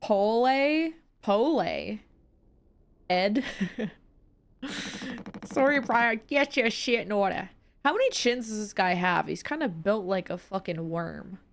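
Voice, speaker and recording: A young woman playing a game on stream, reacting excitably, swearing freely and reading the game's text aloud. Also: medium pitch, measured pace. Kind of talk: casual let's-play commentary.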